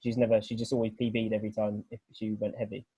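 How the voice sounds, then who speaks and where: A British weightlifting coach talking through training ideas on a group video call, earnest and rambling, with many restarts. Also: male voice, on the low side, flat delivery, fast talker, warm tone, husky, no room sound. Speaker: weightlifting coach, guest speaker.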